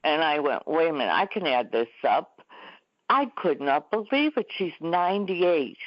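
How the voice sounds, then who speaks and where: Older woman, interview guest, lowish voice, dry close sound, storytelling manner. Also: sing-song, normal speed, no echo, muffled recording. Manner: chatty, storytelling. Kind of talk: interview conversation. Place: Florida.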